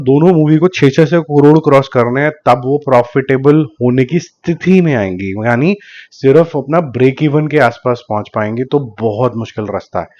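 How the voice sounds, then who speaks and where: A man with a sore, slightly hoarse throat gives casual commentary, reading out figures slowly and carefully and slipping English terms into his talk. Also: medium pitch, darkish tone. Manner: deliberately slow, careful delivery of figures. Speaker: box office analyst YouTuber. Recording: slightly dull lo-fi recording.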